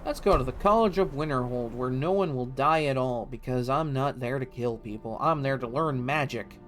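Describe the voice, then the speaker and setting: A man's voice: medium pitch, moderate pace, a bit bright. Male gamer, mid-range voice, casual let's-play commentary, wry and slangy, faint music behind. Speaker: gaming video host.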